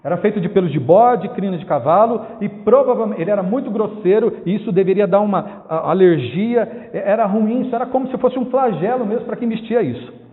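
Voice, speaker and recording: Emphatic pastor, high voice, echoey hall. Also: male voice, a little fast. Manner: emphatic, repeats key phrases, asks rhetorical questions. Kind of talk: expository sermon. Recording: tinny phone-like sound with long hall reverb.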